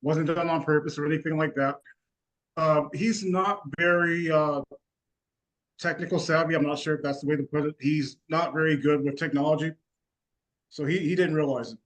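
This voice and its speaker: Male sports-show co-host, slightly raised pitch, easygoing, hesitant, filler-heavy. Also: normal speed, poor audio. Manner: relaxed, hesitant, many fillers. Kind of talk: casual sports talk.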